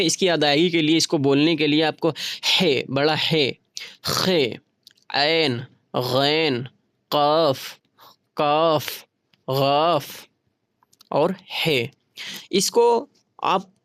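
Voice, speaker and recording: A man with a fairly high voice teaches a grammar lesson at a very unhurried pace, sounding out each letter and repeating it so learners can follow along. The recording is dry and close, with no room sound. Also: dry recording. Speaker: Urdu teacher.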